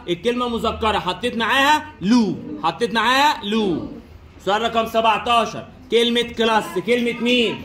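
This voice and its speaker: A man's voice: extremely high pitch, pushed and bright. A man teaching French in a classroom with an Egyptian Arabic accent, repeating each question and answer as he quizzes his students. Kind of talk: classroom lesson drilling answers. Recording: echoey room.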